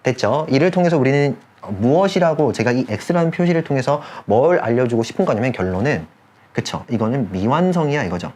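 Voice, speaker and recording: Animated male English grammar lecturer. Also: mid-range voice. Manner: checks in with students constantly, repeating key points; drawls key phrases slowly for emphasis. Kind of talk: online lecture.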